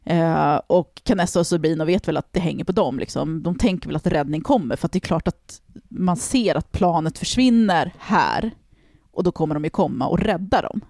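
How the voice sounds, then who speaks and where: Gravelly woman telling a story animatedly. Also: lowish voice, no echo, studio quality. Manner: animated, swearing, acts out quoted people. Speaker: podcast host telling a story. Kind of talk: casual storytelling chat.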